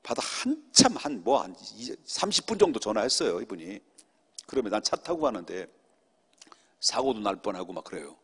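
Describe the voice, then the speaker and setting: A middle-aged male pastor preaching at a Friday prayer meeting, telling a personal story in an animated way. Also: lowish voice, normal speed, husky. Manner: animated storytelling, acts out quoted speech. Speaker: senior pastor. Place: church sanctuary. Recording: long reverb of a church hall.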